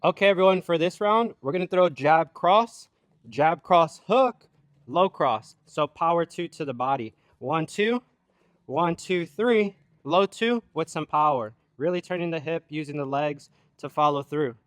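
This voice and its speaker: A man with a notably high-pitched voice leads a boxing workout while hitting a punching bag. He calls out combinations in short, rhythmic bursts at an unhurried pace. The sound is dry, with very little room echo. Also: fairly bright tone. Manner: clipped, rhythmic call-outs of punches. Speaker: boxing coach leading a follow-along workout. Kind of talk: calling out drill combinations and coaching.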